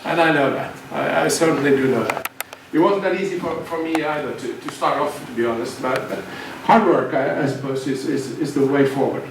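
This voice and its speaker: A middle-aged guest lecturer from Finland, Swedish being his first language, gives a seminar talk to students in a medium-pitched voice. His delivery is halting, full of restarts and repeated words, and the recording comes from a distant mic in an echoey hall with faint hiss.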